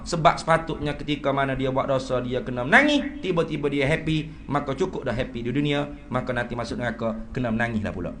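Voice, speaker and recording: A male religious teacher gives a classical text lecture. His voice is bright and forceful, and his pitch sits a little high. He reads Arabic slowly, jumps between loud exclamations and low asides, and teases his class with questions. A faint noise runs behind him. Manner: reads Arabic text slowly then explains it in lively Malay.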